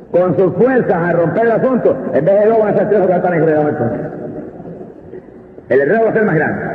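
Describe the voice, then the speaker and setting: A high-pitched man preaches a fervent Pentecostal sermon, stretching key words slowly, then rushing ahead. The sound is thin and phone-like, with a long hall reverb trailing his voice and a faint hiss underneath. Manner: impassioned, swings between slow drawn-out emphasis and quick bursts. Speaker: evangelist preacher. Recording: tinny lo-fi recording in a reverberant hall.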